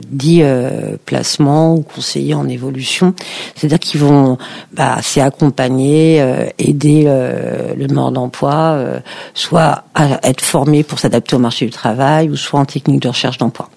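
A woman's voice: extremely low pitch, fairly even intonation, unhurried, vocal fry, warm tone. A woman recruiter as a radio guest, explaining at length with frequent hesitations. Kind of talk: radio interview.

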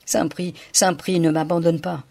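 A man's voice: a little high, moderate pace, dry recording, voice pushed up, close to an everyday voice. A man voicing a zealous, fearful friar who talks in a strained, pleading way. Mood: anxious.

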